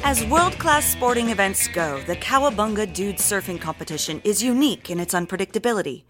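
An actress playing an earnest, deadpan field reporter on a parody public radio newscast. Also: female voice, medium pitch, music in the background, lightly acted. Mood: measured. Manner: measured, deadpan. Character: earnest female field reporter, quietly baffled.

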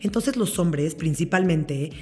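A woman's voice: deep voice, lively intonation, measured pace, warm tone, soft background music. A woman, a parenting expert explaining things emphatically in an interview.

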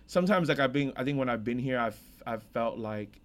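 A man's voice: medium pitch, a little fast. A young American man co-hosting a podcast, telling rambling stories in casual chat. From United States. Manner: rambling, animated storyteller. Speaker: podcast co-host.

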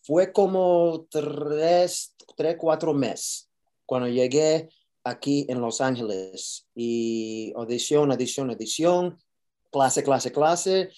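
A man who grew up speaking tells his story in halting Spanish and keeps restarting his sentences. His voice is mellow and relaxed. He often slips into phrases in a casual, unpolished way. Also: a little high. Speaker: actor, interview guest. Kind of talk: casual interview. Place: Los Angeles.

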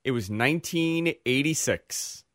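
A man from New York co-hosting a casual podcast chat, telling stories in an animated, joking way. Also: mid-range voice, unhurried, dry recording, clean studio sound. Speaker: podcast co-host.

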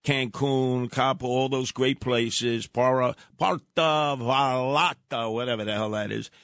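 A man's voice: medium pitch, fairly even intonation, a little slow, fairly bright tone, no room sound. Emphatic male radio commentator, dry sound. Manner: emphatic, argumentative. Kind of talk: opinionated radio banter.

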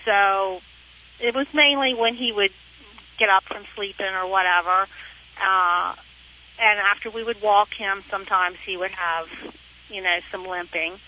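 Bright woman caller heard over the phone. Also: medium pitch, steady tone, measured pace, slight background noise. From Pennsylvania. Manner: chatty, explains in long rambling detail. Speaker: radio show caller. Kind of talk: casual call-in chat. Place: in her car. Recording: dull, lo-fi phone line.

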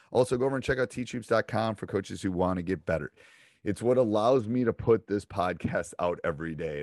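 A warm, welcoming American man hosting a podcast in a casual, chatty style. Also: low-pitched, dry recording, clean studio sound. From Wisconsin, United States. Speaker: podcast host. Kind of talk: casual podcast intro and chat.

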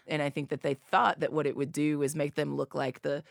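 A woman speaks with an Appalachian accent and a gravelly fry in her voice. She answers like an activist leader in an interview, emphatic and persuasive, tagging points with short questions. The sound is dry and close. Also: sits low, little pitch movement, fairly quick, dry recording. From Appalachia, southern United States. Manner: emphatic, with rhetorical tag questions. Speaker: activist leader, co-executive director and interview guest.

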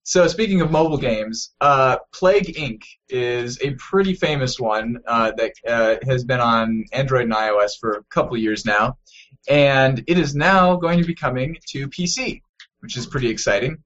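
Male co-host, relaxed gaming-news chat, filler-heavy, dull lo-fi audio. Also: mid-range voice, normal speed. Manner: loose, filler-heavy delivery with restarts. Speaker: podcast co-host.

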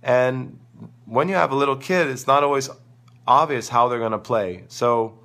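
Hosting a live stream as a tennis coach, this man fields viewer questions informally, with strong opinions and plenty of emphasis. His mid-range voice is crackly and gravelly from a sore throat, moving at a moderate pace with a sharp tone as it starts to give out.

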